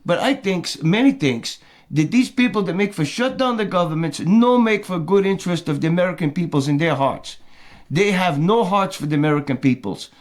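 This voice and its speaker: Putting on a heavy Portuguese accent and a high-pitched voice, a man plays a worked-up middle-aged immigrant in a comic character monologue. He rants animatedly and fairly quickly in broken English, repeatedly referring to himself by his own name.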